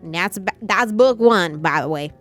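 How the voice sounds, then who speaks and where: A woman streaming a puzzle game, chatting casually and reading text aloud haltingly, often swearing and stumbling over names. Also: medium pitch, animated, fairly bright tone, soft background music. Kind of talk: casual gaming livestream chat.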